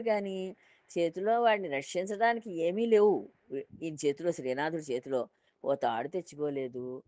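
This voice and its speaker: A woman narrating a devotional story in a lively, dramatic way, voicing the characters. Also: on the low side, dry recording. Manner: lively, dramatic retelling with many voiced quotes. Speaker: spiritual storyteller.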